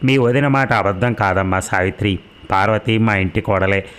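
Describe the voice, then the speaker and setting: A jovial middle-aged village father speaks in a familiar, teasing way. A man reads his part in a storybook reading. His voice is lowish and easy. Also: fairly even intonation, moderate pace, a bit bright, clear, resonant tone, close to an everyday voice.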